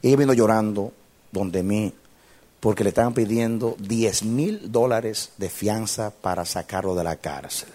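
A pastor in his fifties preaching an impassioned sermon that swings from loud shouting to quiet storytelling. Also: lowish voice, a little slow.

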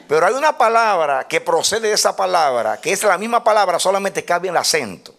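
A man preaching a sermon to a congregation, swinging from loud shouts down to hushed whispers. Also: on the high side. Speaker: pastor. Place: church.

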